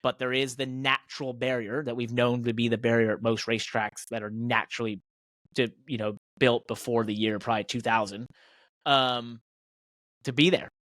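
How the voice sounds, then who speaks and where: An American man who races professionally and co-hosts a motorsport podcast chats casually yet emphatically, full of opinions. He speaks at normal speed in a medium, a bit bright pitch with little pitch movement. No room sound is audible.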